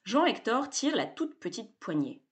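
Expressive, lively woman storyteller. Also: a little high, unhurried. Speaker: narrator. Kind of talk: storybook narration.

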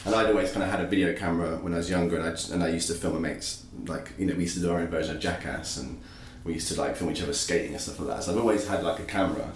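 A man's voice: low voice, rapid-fire, few pauses, a little hiss or hum. A man in his thirties, a filmmaker, chatting casually in an interview with lots of "like" and "kind of", recorded in an echoey office room on a cheap recorder. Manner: relaxed, rambling, with many "like" and "kind of" fillers. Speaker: guest, filmmaker.

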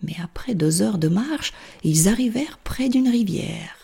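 A woman reading a fairy tale aloud in a soft, half-whispered narration. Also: mid-range voice, animated, a little slow, creaky, husky. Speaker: storyteller.

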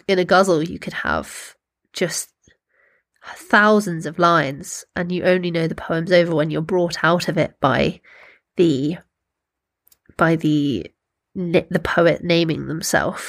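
A woman hosting a poetry workshop, speaking gently and thoughtfully, in a reflective style and without hurry. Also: lowish voice. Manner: gentle, unhurried, thoughtful, pausing to find words. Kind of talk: reflective talk with slow poetry readings.

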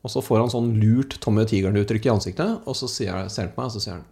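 A man tells casual anecdotes as a speaker, animated and acting out the people he quotes. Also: lowish voice, creaky. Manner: animated storyteller, acts out quoted voices. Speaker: speaker telling stories.

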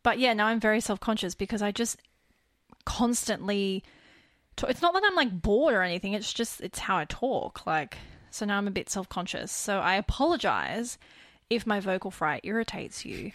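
A woman with a creaky, fry-heavy voice talks casually as a podcast co-host. Her delivery is laid-back and mellow, never peppy. The sound is dry and close, with no room around it. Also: normal speed, dry recording. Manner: mellow, low-key and relaxed. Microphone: desk microphone.

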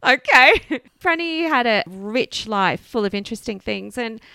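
Lively bright-voiced woman co-host. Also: fairly high pitch, unhurried, creaky, clear, resonant tone, no echo. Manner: playful, laughs often. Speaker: podcast co-host. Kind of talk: casual chat.

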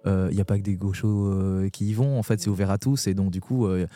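Hesitant young man with mellow voice. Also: sits low, steady tone. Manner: hesitant, full of pauses and restarts, frank and heartfelt. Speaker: poet guest. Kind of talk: casual podcast conversation.

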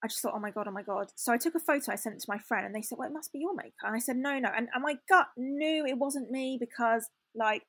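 Young woman chatting candidly, a bit high, gravelly, dry close sound. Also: fast talker, few pauses, a bit bright, no room sound. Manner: candid, chatty, many fillers and restarts. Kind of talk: casual storytelling chat.

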